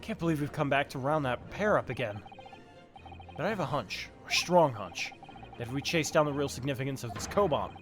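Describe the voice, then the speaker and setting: A man's voice: medium pitch, expressive, a little fast, soft background music, lightly acted. A man playing an earnest defendant arguing his case in a courtroom game, emphatic and determined.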